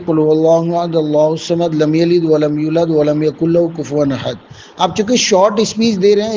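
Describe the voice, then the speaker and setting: A man's voice: high voice, darkish tone, a little hiss or hum, poor audio. A man teaching a vocabulary lesson, explaining English words one by one with Urdu and Hindi meanings and calling his listeners dear students.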